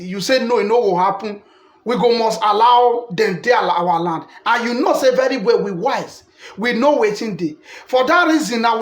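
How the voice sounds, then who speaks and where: High-voiced Nigerian man preaching politics. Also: reverberant. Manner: preachy, quotes scripture, repetitive. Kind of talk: impassioned political monologue.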